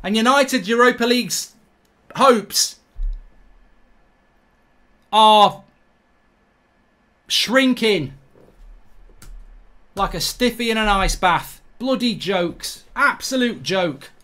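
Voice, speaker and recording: A middle-aged man, reacting live to a football match, ranting, swearing and shouting in exasperation. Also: sits high, drawn-out words, long pauses. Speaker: football fan channel host.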